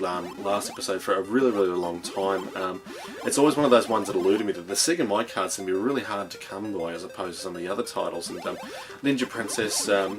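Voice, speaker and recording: An Australian man reviewing old video games in a casual, rambling way, full of ums and restarts, and enthusiastic. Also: fairly low pitch. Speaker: retro game reviewer.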